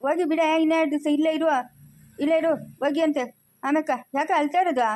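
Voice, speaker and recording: A woman's voice: high-pitched, steady tone, fast, mellow, no room sound, natural voice. A woman playing a kind village relative who coaxes and comforts a crying young wife in rural Chikkaballapur Kannada. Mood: coaxing. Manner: soothing, coaxing.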